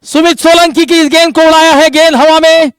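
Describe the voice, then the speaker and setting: Calling a cricket match ball by ball, a man with a very high-pitched voice gets excitable and draws out his calls at the big moments. The recording is dry, with no room sound at all.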